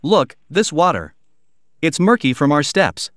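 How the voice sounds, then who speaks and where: Male guide, casual and explanatory, animated melody, dry sound. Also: a little high, unhurried, no room sound. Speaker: cave guide. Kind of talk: casual explanatory chat while guiding.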